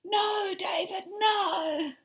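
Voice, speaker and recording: A woman's voice: on the low side, steady tone, slow, creaky, fairly bright tone, voice pushed down, exaggerated voice. A woman voicing an exasperated mother scolding her little boy in a storybook read-aloud.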